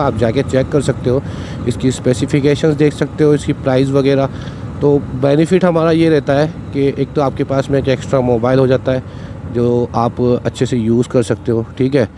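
A young man vlogs as he rides a motorbike on city roads, chatting and explaining in a mid-range voice and repeatedly saying "ठीक है". Steady traffic and road rumble sit clearly beneath his words, captured by the cheap wired mic he wears.

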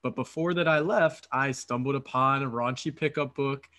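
A man's voice: mid-range voice, moderate pace, sharp tone. A man in his thirties from Philadelphia, hosting a podcast over a video call and talking eagerly in long runs with some fillers. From Philadelphia, United States. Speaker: podcast host. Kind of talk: casual podcast interview. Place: apartment room, video call. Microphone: headset.

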